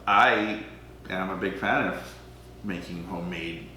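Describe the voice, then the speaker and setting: A man's voice: deep voice, a little slow, bright, forceful tone, a little hiss or hum. A young man from Alberta, Canada, hosting a charity auction on a livestream, chatty and self-deprecating, often hesitating with ums. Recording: very echoey room.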